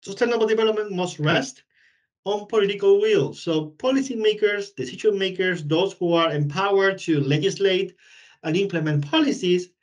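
High-voiced man giving a webinar lecture. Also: normal speed, recorded from a distance. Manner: explanatory, builds points through repeated lists. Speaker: guest lecturer. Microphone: video call.

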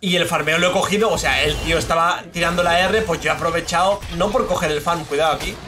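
A man's voice: on the high side, quick pace, background noise. A young man from Spain giving casual live commentary while playing a game, swearing and venting about teammates. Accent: Spain Spanish. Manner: excitable, swears, frustrated rants at teammates. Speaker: gaming streamer.

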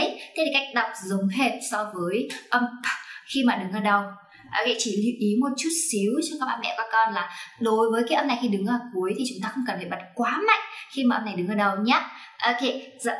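This woman's voice is a little high and slightly bright, captured with a roomy sound. She gently coaxes parents and children through an online phonics lesson on English pronunciation, checking in along the way.

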